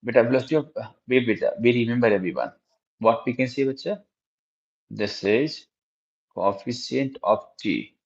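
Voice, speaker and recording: A man's voice: medium pitch, moderate pace, gravelly. A man with an Indian accent teaching a live online physics lesson, often repeating phrases and questions and addressing his students in a familiar way. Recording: dull, lo-fi microphone sound.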